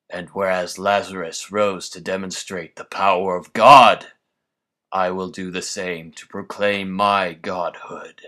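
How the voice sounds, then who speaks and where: A man's voice: deep voice, bright, forceful tone, heavily acted. A man voicing a menacing scarecrow villain, a sadistic, grandiose mad scientist delivering a theatrical, pompous monologue. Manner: menacing scarecrow voice, slow, pompous, florid and deliberate.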